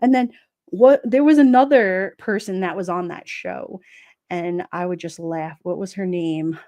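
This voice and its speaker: A middle-aged woman with a New York accent, casually chatting on a livestream, sassy and quick to laugh. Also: lowish voice, mellow. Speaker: livestream host reading chat. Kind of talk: casual chat.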